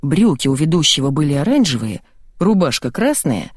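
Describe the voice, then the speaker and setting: A woman narrates a comic novel in the first person, with lively, ironic storytelling. Her voice sits fairly low but moves animatedly. The recording is dry and close. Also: moderate pace, slightly rough, no echo. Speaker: audiobook narrator.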